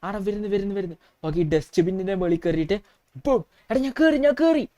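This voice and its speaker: A woman voicing an excitable, chatty young male street hustler, talking through a game in role-play. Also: medium pitch, fairly quick, highs cut off, natural voice. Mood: excited.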